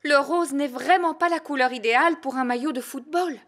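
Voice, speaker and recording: A woman voicing a kindly, calm mother pig in a preschool cartoon, motherly and reassuring. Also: high-pitched, a little fast. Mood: concerned.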